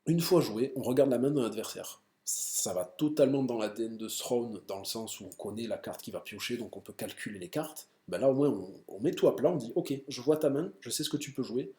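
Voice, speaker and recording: A man's voice: mid-range voice, brisk, few pauses, mellow, roomy sound. Enthusiastic French man explaining card decks. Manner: enthusiastic, frequent fillers and self-corrections. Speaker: card game deck presenter. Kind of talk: casual deck explanation.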